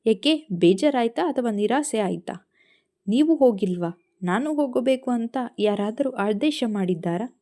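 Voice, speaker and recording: Woman reading guarded young man, calm probing questions, mellow tone. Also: a little high, unhurried.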